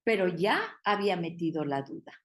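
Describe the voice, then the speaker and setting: A woman's voice: fairly low pitch, a little fast. A woman teaching a Bible study, explaining patiently and asking the group questions.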